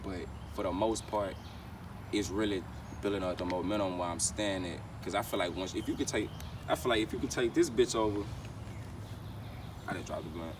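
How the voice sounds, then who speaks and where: Low-pitched and fairly quick, with long pauses, a young rapper chats in street slang for an interview. He rambles, repeats himself, and keeps saying "you know what I'm saying," and the distant mic picks up clear outdoor traffic.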